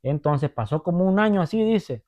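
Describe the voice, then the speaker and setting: A man's voice: high-pitched, lively intonation, normal speed, darkish tone. A man giving a conversational Bible teaching who retells stories and often checks in with his listeners through tag questions. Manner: retells stories, acting out the voices. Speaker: preacher. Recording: tinny phone-like sound.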